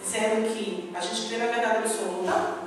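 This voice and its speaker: A woman preaches in a high, bright voice. She delivers an animated sermon and plays out her own quoted lines. She is heard from far off in a booming church hall, with music behind her. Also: normal speed.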